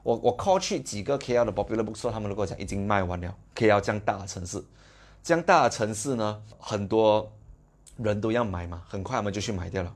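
A young man with a Malaysian accent, hosting a motivational live video and telling a story in an animated, exclamatory way. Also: fairly low pitch, fast talker.

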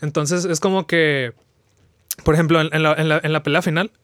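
Young Mexican man, podcast guest, rambling slangy storyteller, crisp, dry sound. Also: on the high side, fairly even intonation, fairly quick, a bit bright, no echo. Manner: slangy, rambling, many restarts. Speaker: podcast guest, video creator. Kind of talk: casual chat, retelling an anime plot.

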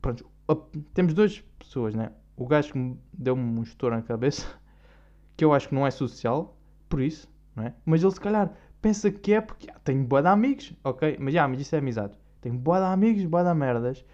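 This podcast host, a young man with a European Portuguese accent, speaks briskly in a warm, mid-range voice with lively intonation. His monologue is casual, rambling, and heavy on slang, and the lo-fi recording sounds dull.

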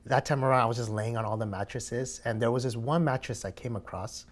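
A man's voice: mid-range voice, fairly quick. Young guy chatting, laughs a lot, lots of ums and likes. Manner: chatty, laughs often, many fillers. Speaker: guest sharing a mattress story. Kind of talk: casual chat.

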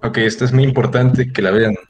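A man's voice: mid-range voice, fairly even intonation, brisk. A man with a Mexican accent hosting a casual group chat, crude, slangy and bossy with his friends. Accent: Mexican Spanish. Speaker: host.

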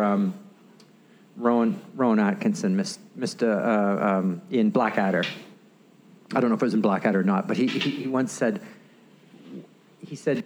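A man's voice: on the low side, poor audio. Rambling, chatty male co-host. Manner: rambling, self-interrupting, animated storytelling. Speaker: podcast co-host. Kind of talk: casual conversation.

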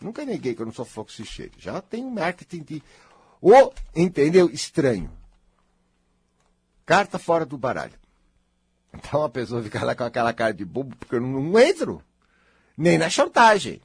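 A man with a husky voice gives a blunt, emphatic spiritual talk to an audience, often swelling to near-shouts. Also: fairly high pitch, sing-song, moderate pace, long pauses, no room sound, clean studio sound.

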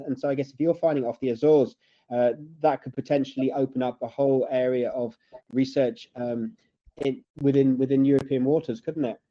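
A man interviewing casually, rambling and repeating himself as he forms questions. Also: medium pitch. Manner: rambling, stumbling repetitions. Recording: dull, narrow lo-fi audio.

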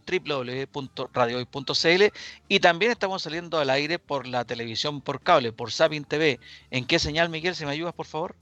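A man with a Chilean accent hosting a live current-affairs radio show, speaking deliberately with pauses and repeated phrases. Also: a little high, bright, forceful tone, no echo. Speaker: radio talk show host.

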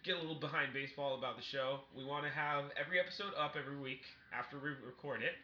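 A man's voice: medium pitch, rapid-fire, sharp tone, reverberant, lo-fi sound. A man co-hosting a comedy podcast, chatting casually in a crude, joking, profane way. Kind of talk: casual chat.

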